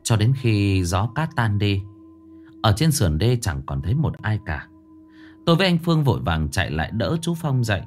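A man narrating a ghost story in a dramatic, expressive reading. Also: fairly low pitch, moderate pace, soft background music.

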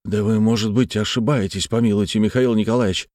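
A man doing an anxious questioning gentleman. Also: lowish voice, fairly even intonation, brisk, no echo, studio quality, natural voice.

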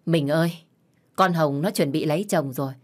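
A worn-down mother speaks softly and pleads, with a firm scolding edge, voiced by a woman storyteller. The voice sits a little below the usual pitch. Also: moderate pace, natural voice. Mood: gentle. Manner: pleading, then sharply scolding. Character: long-suffering mother, patient then defiant.

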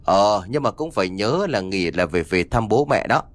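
A man's voice: fairly low pitch, expressive, normal speed, no room sound, lightly acted. A man reading the lines of a cheerful, doting middle-aged father in an audiobook, talking in a chatty, fatherly way.

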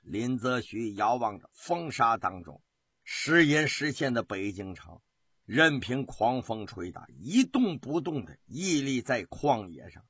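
A man's voice: mid-range voice, fairly bright tone, slightly rough, no echo, studio quality. A man telling a historical tale in traditional Chinese storytelling style, with dramatic, rhythmic delivery.

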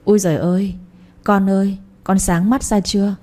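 A woman voicing a sharp-tongued older mother-in-law who scolds and nags in a raised voice. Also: steady tone, normal speed, lightly acted. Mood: scornful. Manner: shrill, scornful, nagging.

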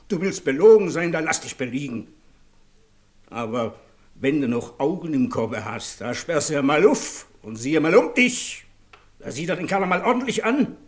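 An insistent man presses his reproaches with a lively, swinging voice. His voice sits rather high. This is a classic radio play. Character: agitated man accusing a wife, insistent. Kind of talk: 1950s German radio play acting.

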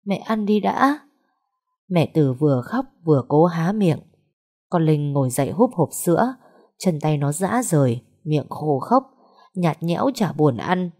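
A woman narrating a sad story in a slow, somber, measured way. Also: deep voice, lively intonation, mellow, husky.

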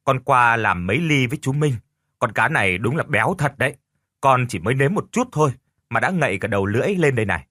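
A man voicing an excitable young adult son in an audio story, talking breathlessly. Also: mid-range voice, fast, dry recording, clean studio sound. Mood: casual.

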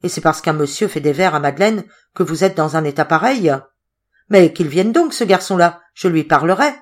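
A woman's voice: on the low side, lively intonation, normal speed. A woman reading a storybook voices an exasperated young bridegroom who scoffs indignantly.

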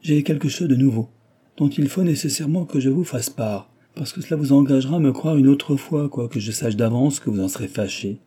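A man reading an audiobook voices a giddy, mocking young noblewoman who gossips in a lively, teasing way. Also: fairly low pitch, moderate pace, slightly rough. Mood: gleeful gossip. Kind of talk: audiobook reading of a classic novel.

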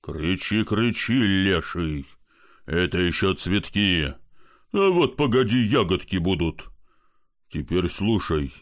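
Gruff storybook barber, low and slow, menacing, with a voice that rises and falls , as a man puts him on. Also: full character voice. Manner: threatening, commanding. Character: gruff, menacing male barber, rough and bullying.

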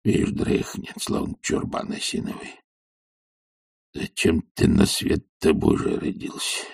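A man voicing a stubborn old male servant who mutters and grumbles in a low, half-whispered voice, in an audiobook. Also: measured pace, a little mellow, dry recording, clean studio sound, natural voice. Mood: grumbling.

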